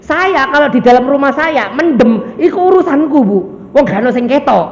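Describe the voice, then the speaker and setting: A man with an East Javanese accent preaching a lively, jokey mosque sermon and mimicking the people in his examples. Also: very high voice, moderate pace. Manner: lively, jokey, acts out quoted voices. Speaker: ustadz preacher. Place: mosque hall. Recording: echoey dull hall sound, faint background noise.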